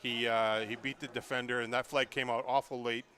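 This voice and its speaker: A man with a level, mid-range voice, pushed and bright, talks briskly over a slight hiss or hum. He's doing live color commentary from an outdoor stadium's press booth, chatty, opinionated and packed with filler words.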